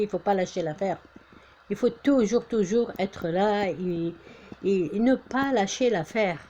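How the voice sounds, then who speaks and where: An Algerian woman vlogger talks casually to camera in a warm, mid-range voice with lo-fi sound. She is hesitant, full of fillers and restarts, but turns insistent when urging people on.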